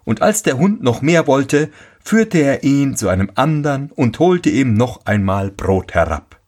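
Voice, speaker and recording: Slow, breathy male storyteller. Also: mid-range voice, big pitch swings, darkish tone. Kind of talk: fairy tale reading.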